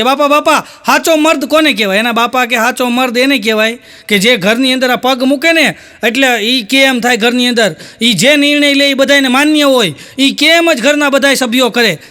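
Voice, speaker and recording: High, bright Kathiawadi-accented comic storyteller. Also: male voice. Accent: Kathiawadi Gujarati. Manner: rapid anecdotes tagged with repeated quote markers and a recurring catchphrase. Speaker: Gujarati folk comedian (hasya kalakar). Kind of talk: stand-up joke telling.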